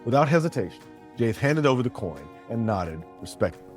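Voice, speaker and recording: A man narrating a fantasy story in a steady, descriptive way. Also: mid-range voice, fairly quick, faint music behind.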